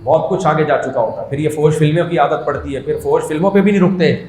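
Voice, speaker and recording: Brief: male preacher, somewhat high voice, joking storytelling sermon, echoey room. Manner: conversational, jokey, builds to animated emphasis. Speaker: Islamic preacher. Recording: roomy echo.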